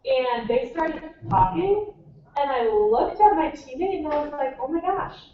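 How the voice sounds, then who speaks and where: A young Minnesotan American woman talks in a lively, storytelling way, slipping into quoted voices. Her fairly high voice comes from far off in a big echoing hall, thin and tinny like a phone line, with a faint hiss behind it. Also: a little slow. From Minnesota, United States. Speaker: native English conversation partner. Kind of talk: chatty, storytelling, animated. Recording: distant, tinny, echoey hall with faint noise.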